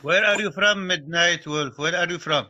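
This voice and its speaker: Man pleading in halting English. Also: on the high side, pushed and bright. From North Syria. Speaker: livestreamer asking viewers for support. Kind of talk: live-stream appeal in broken English. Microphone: phone in a live video call.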